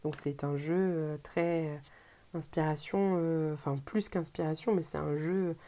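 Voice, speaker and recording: Soft, mellow French woman, hesitant unboxing chat. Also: deep voice, fairly even intonation, unhurried. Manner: hesitant, searching for words. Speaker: tarot deck reviewer. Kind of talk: casual unboxing presentation.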